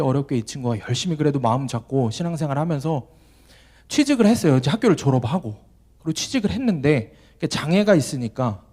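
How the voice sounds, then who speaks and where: A male pastor preaching a sermon at an evening church service, telling a personal story and moving between hushed and loud delivery. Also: mid-range voice. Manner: emotive, dramatic swings between quiet and loud.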